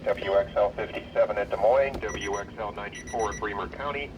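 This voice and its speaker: A man's voice: lowish voice, a little fast. Synthetic male weather-radio voice through a distant speaker. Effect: weather radio broadcast played through a speaker. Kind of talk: automated emergency test announcement. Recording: distant speaker with loud background noise.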